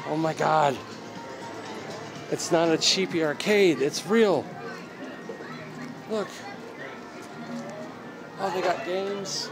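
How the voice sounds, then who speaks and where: A man in his thirties co-hosting a casual road-trip vlog, chatty and excitable, filmed on a handheld phone in a car and an arcade. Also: fairly high pitch, drawn-out words, gravelly, long pauses, music in the background. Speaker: vlog co-host. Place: inside a car, then a loud arcade. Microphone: handheld phone camera at arm's length.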